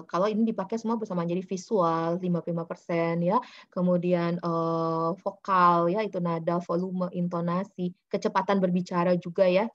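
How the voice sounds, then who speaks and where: A woman's voice: on the low side, lo-fi sound. A woman presenting slides in a webinar, explaining things patiently with many fillers and acting out little examples. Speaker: webinar speaker on child communication.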